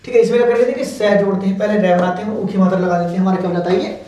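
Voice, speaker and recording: A man's voice: high-pitched, fairly even intonation, racing, warm tone. A man teaching shorthand step by step, explaining patiently and repeating each word as he goes. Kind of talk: step-by-step stenography lesson. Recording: very echoey room, mic far off.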